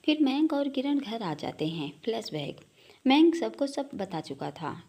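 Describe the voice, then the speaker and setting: A woman storyteller narrating a romantic family story, expressive and speaking straight to her listeners. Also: a little high, unhurried.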